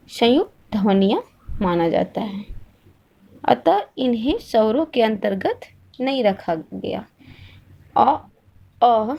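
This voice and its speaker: A woman's voice: on the high side, dark tone. A woman teaching a Hindi grammar lesson, patiently repeating each point and asking the listener questions to check understanding. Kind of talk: slow classroom-style grammar lesson.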